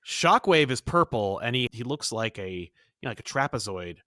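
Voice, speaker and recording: A man in casual podcast chat, his voice bright and bouncing all over its range. He talks playfully, with a lot of energy. The sound is close and dry, with no room around it. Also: medium pitch, moderate pace, no room sound. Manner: animated, playful, puts on silly voices in quotes. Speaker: podcast co-host.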